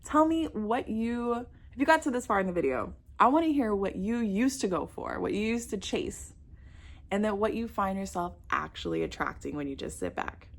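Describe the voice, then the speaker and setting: A woman's voice: mid-range voice, animated, normal speed, vocal fry. A millennial woman from South Florida giving chatty, sassy dating advice straight to her viewers, calling them girl and babe. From South Florida, United States. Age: millennial, 30s. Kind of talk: casual direct-to-camera advice.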